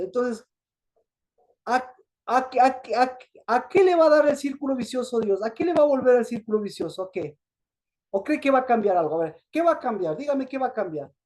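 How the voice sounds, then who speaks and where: A woman with a high, slightly mellow voice preaches a sermon. She asks her listeners questions and answers them herself, repeating herself emphatically.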